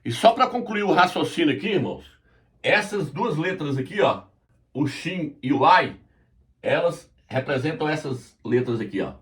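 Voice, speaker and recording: A man giving a religious lesson at a whiteboard, explaining slowly and spelling out letters as he points. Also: on the high side, a bit bright. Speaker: Bible teacher.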